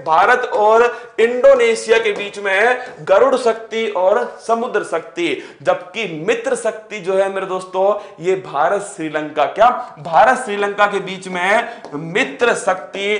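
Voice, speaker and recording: A man's voice: high voice, unhurried, hardly any pauses. A man teaching an exam-prep lecture with energy, firing rhetorical questions and calling his students playful pet names. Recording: echoey room.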